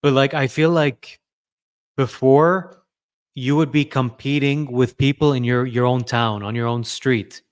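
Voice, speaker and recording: A man's voice: medium pitch, steady tone, a little slow, clear, resonant tone. A young man hosting a podcast, talking conversationally and building his points step by step before asking his guest questions. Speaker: podcast host. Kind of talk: casual podcast interview.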